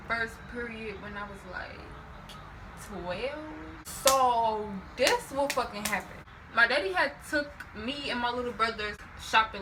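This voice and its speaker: A young woman vlogger telling a casual storytime, animated and profane, filling her talk with "like". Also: fairly high pitch. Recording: distant mic with clear background noise.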